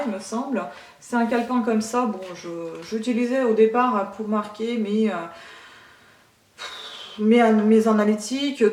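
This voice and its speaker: A woman's voice: medium pitch, a little mellow, far from the mic. A woman from Ukraine, chatting in a rambling, hesitant way as she reviews books in a casual vlog. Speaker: book vlogger. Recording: roomy room, voice set back from mic.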